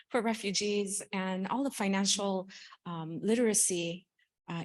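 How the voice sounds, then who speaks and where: A woman from Afghanistan answering as a panelist at a conference, speaking earnestly and with animation. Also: on the low side. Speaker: panelist, credit union financial wellness partner. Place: conference room.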